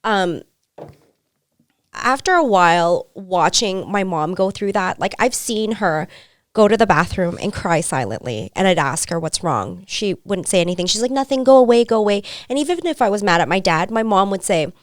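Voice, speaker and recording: A loud, high-energy woman who swears freely, telling stories in a casual podcast chat. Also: expressive, moderate pace, dry recording, clean studio sound. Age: adult with a son.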